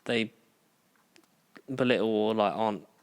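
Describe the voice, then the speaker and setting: This podcast co-host chats casually, rambling with plenty of fillers. His gravelly voice sits on the low side, he keeps a measured pace, and the recording is clean.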